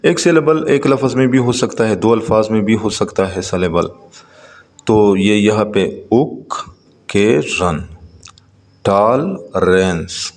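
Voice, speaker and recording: A man teaching a textbook lesson, reading English lines slowly and then explaining them, with frequent hesitant pauses. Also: lowish voice, steady tone, a little mellow, big-room sound.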